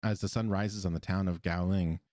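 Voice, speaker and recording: A man co-hosting a podcast, recapping an episode in animated casual chat and laughing often. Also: low voice, brisk, dry recording, studio quality. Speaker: podcast co-host. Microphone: podcast microphone.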